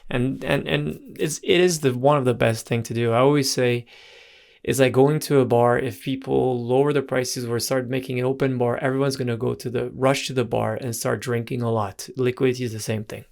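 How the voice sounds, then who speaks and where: A man's voice: mid-range voice, steady tone, brisk, creaky, darkish tone. A middle-aged man hosting a show, explaining markets off the cuff in loose, restarting sentences and often checking in with "right?". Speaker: host. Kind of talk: explaining market analysis over charts.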